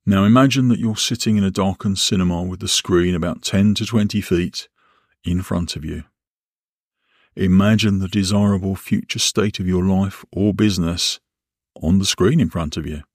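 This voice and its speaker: A man narrating a guided relaxation and visualisation exercise as an instructor, in a measured, instructional way with deliberate pauses. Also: low voice, a little mellow, no echo, studio quality.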